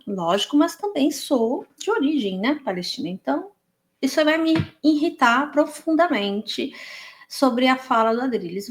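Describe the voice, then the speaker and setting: A Brazilian woman with a Brazilian Portuguese accent, talking in a slightly high voice as she reacts to a podcast clip. She comments in a heated, indignant way, stumbling over restarts and fillers as she goes. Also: a bit bright. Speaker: reaction channel host.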